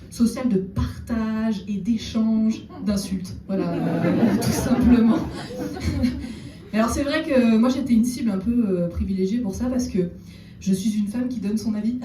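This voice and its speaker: A woman doing a stand-up comedy set on stage, chatting with the audience and slipping in deadpan ironic asides. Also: on the high side. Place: theater stage before a live audience. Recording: roomy echo, distant mic, audible room noise.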